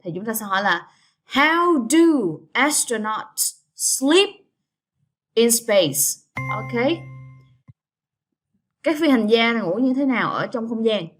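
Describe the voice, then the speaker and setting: A woman's voice: fairly high pitch, animated, takes it slowly, long pauses, fairly bright tone, faint music behind. A woman teaching an English lesson, switching between languages and drawing out model words for students to repeat. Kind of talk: bilingual classroom lesson.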